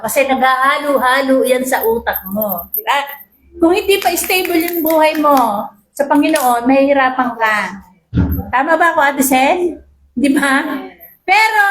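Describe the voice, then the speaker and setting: High-voiced woman preaching in an echoey hall. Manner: keeps asking the congregation for agreement; mixes English Bible quotes into her talk. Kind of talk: sermon. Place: church hall. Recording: roomy echo.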